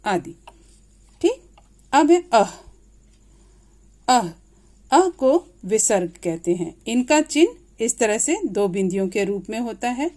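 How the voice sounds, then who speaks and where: A woman teacher giving a grade-school grammar lesson, slowly and patiently repeating each example aloud. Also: fairly high pitch, a little mellow.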